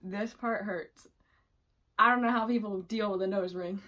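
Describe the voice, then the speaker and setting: A woman's voice: mid-range voice, steady tone, normal speed, sharp tone. A young woman chatting casually and playfully as she co-hosts a challenge vlog in a room at home. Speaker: vlog co-host playing a quiz challenge. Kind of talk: casual chat. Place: small room at home, indoors.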